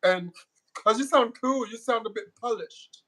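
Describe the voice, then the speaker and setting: In a candid interview, a middle-aged West African man with a voice high for a man speaks emphatically, repeating words to press his points. He talks unhurriedly, with a crowd audible behind him and poor audio quality.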